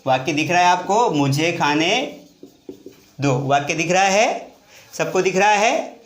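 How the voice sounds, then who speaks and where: A man, teaching a lively whiteboard English grammar lesson in a classroom and often asking questions of his students. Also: high voice, moderate pace. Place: classroom with board. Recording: echoey room.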